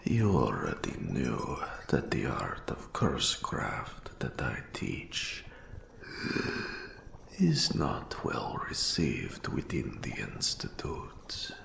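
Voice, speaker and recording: Playing an eldritch keeper of forbidden lore, a nameless old archive custodian and patient, melancholy mentor in forbidden magic, a man uses a breathy, gravelly bass whisper in a scripted roleplay audio drama. His pitch swoops wildly and his tone is a bit bright, but his formal, slow, ominous phrasing feels consoling and solemn. It's a full character voice in a reverberant space.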